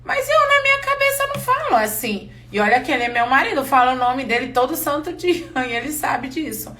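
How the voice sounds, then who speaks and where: A woman who did not grow up speaking Portuguese, teaching a live online English class and talking in a candid, chatty, expressive way. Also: sits high, a little fast.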